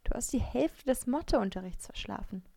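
A woman's voice: fairly high pitch, animated, normal speed, vocal fry, dark tone, no room sound. A woman voicing a cheeky, teasing teenage schoolgirl in a storybook.

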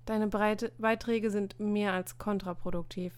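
A woman voicing an earnest teenage schoolboy who reasons in a measured, slightly formal way. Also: medium pitch, steady tone, clean tone, natural voice.

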